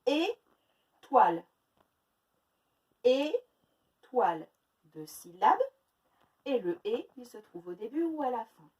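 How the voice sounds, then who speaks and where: A woman teaching a phonics lesson to young children, sounding out words slowly syllable by syllable. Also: a little high, big pitch swings, recorded from a distance, rough recording. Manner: slow, exaggerated syllable-by-syllable pronunciation. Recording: faint noise, voice a little off-mic.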